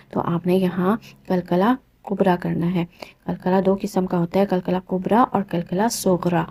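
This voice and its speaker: A woman gives a step-by-step recitation lesson in an even, level voice with a gravelly edge. She walks through each rule patiently and repeats the instructions so learners can follow. Her delivery stays calm and methodical throughout. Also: lowish voice. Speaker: Quran recitation teacher.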